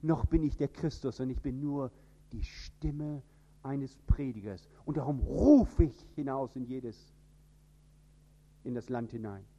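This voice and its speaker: A man from northern Germany with a standard High German accent, preaching an emphatic sermon. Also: measured pace, lo-fi sound. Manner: emphatic, with sudden rises in pitch and loudness.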